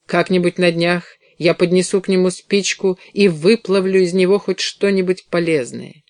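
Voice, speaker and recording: A man reading an audiobook, voicing a furious, sharp-tongued woman talent agent who snaps and scorns. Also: sits high, fairly even intonation, normal speed, dry recording, studio quality, voice pushed up. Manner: snapping, scornful.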